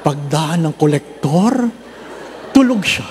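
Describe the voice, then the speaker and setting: A priest preaches to his congregation, mixing slow, emphatic lists with humorous stories and teasing questions to the pews. His voice sits fairly high for a man. The sound carries a long church reverb over a faint hiss. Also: lively intonation. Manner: humorous storytelling, asks the congregation rhetorical questions; slow emphatic listing of works of mercy. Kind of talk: Advent recollection sermon.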